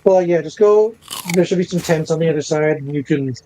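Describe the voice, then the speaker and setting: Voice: mid-range voice, fairly quick, mellow, slight background noise, low-quality recording. A speaker in casual gaming voice chat, guiding a teammate with directions and many fillers.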